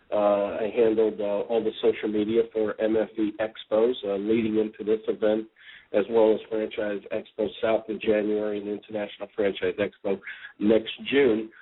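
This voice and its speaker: A lower-voiced man hosts a casual talk radio show, drifting through his thoughts with plenty of ums and uhs. The sound is tinny and narrow, like a phone line. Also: breathy edge. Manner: relaxed, rambling, frequent ums and uhs. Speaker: podcast host.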